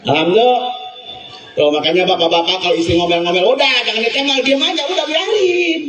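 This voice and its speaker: A man's voice: sits high, brisk. A man preaching a humorous sermon, telling stories with acted voices and asking the crowd questions. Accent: Indonesian. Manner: lively storytelling, acting out voices and asking the crowd. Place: prayer hall, loud room. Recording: echoey hall, from far off.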